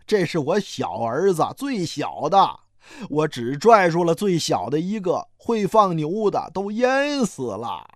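A reader voicing a grieving poor peasant father who flees famine and pleads slowly and sorrowfully. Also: mid-range voice, big pitch swings, no room sound, studio quality. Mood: weary. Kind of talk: audiobook character voicing.

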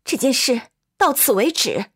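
A woman's voice: sits high, animated, moderate pace, voice pushed up. A woman putting on a firm, earnest young lady in a storybook. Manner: earnest and commanding. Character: calm, firm young Englishwoman comforting a grieving man.

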